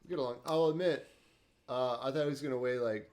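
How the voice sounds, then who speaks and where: A man's voice: medium pitch, quick pace, a crowd in the background. A man co-hosting a podcast, chatting casually in a laid-back, joking way and swearing freely. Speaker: podcast co-host. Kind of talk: casual chat.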